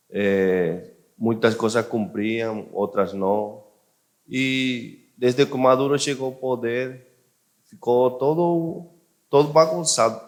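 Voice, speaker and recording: A Venezuelan man speaking Portuguese with a Venezuelan Spanish accent, giving a hesitant personal testimony full of fillers. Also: lowish voice. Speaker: guest speaker.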